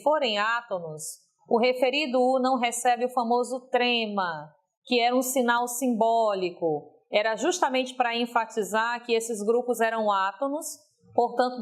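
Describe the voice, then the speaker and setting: Didactic woman teacher. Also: on the high side. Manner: didactic, stretches example words slowly, frequent "ok?". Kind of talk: recorded video lesson.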